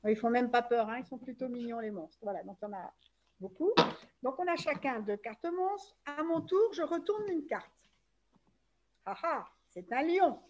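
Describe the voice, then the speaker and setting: A woman's voice: on the high side, lively intonation, normal speed, darkish tone, dull audio, slight background noise. A woman presenting a game on an online webinar, walking through the rules step by step over a video call.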